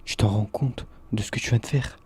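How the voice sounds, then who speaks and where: A man's voice: fairly low pitch, steady tone, a little fast, warm tone, husky. A man reading a jittery young friend. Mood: agitated. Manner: nervous, agitated.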